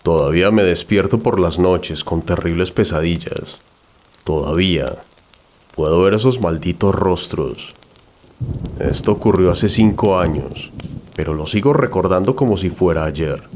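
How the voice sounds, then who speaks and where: A man with a deep, low voice narrates a scripted first-person horror story. His delivery is unhurried and somewhat dark, with slight background noise.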